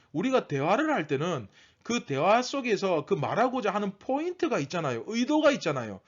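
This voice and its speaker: A man's voice: sits high, muffled recording. A male pastor giving a teaching sermon, explaining word meanings and asking his listeners questions. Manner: teaching, asks the congregation questions.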